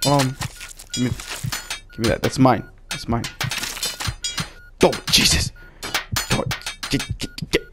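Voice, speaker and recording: A man giving comedic gameplay commentary, excitable, bantering as a mock doctor and yelping and shouting at mishaps. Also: medium pitch, measured pace, long pauses, music in the background. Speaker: gaming video creator.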